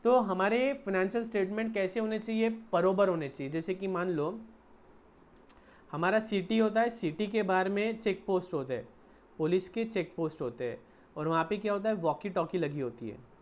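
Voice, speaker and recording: A man with an Indian accent leads an introductory accounts class. He lays out each point slowly and often asks a question before giving the answer himself. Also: high-pitched. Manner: explains slowly in mixed Hindi and English, asks and answers own questions. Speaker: accounts teacher. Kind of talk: classroom lecture.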